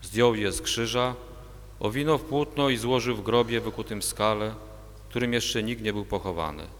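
Male narrator for a church reading, steady, long reverb. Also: on the low side, normal speed. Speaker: narrator of the Passion. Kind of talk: liturgical reading.

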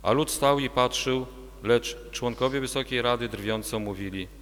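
Male narrator for a church reading, steady, long reverb. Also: mid-range voice, moderate pace. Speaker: narrator of the Passion. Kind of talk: liturgical reading.

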